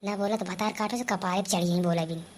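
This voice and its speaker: A woman's voice: mid-range voice, steady tone, quick pace. A woman with an Awadhi accent voicing a put-upon young daughter-in-law who grumbles and mocks in a cartoon comedy, with faint noise behind. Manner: grumbling, mocking asides. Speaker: comedy voice artist. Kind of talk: scripted cartoon comedy dialogue.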